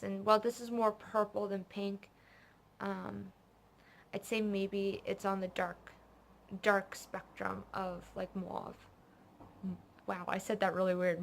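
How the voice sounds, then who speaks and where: A young North American woman hosts a knitting podcast, chatting casually as she shows off her purchases. Her medium-pitched voice is gravelly with a sharp tone, and she rambles into tangents with plenty of fillers.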